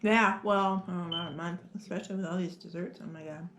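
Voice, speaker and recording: A woman's voice: fairly low pitch, steady tone, a little fast, a bit bright. A woman in casual chat while eating, giggly and teasing. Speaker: co-host of a mukbang channel. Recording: roomy kitchen, faint noise.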